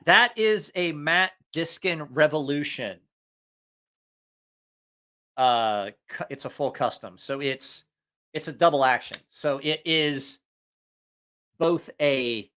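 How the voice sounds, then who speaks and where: Pushing his fairly high, bright voice, a man runs a jokey, profane livestream about gear, reviewing knives and rambling off on tangents. His allergies leave him a little short of breath.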